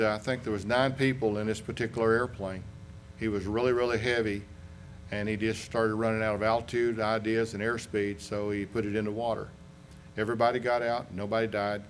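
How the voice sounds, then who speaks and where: A man's voice: fairly low pitch, slight background noise. A man with a Southern US accent, an accident investigator presenting at a conference in a folksy, rambling way, with restarts and asides. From North Carolina. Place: conference room.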